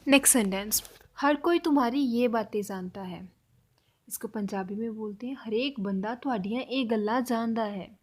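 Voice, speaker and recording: A woman gives a spoken language lesson. Her voice sits a little high, and she talks patiently, saying each example phrase slowly and repeating it for learners. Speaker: language teacher.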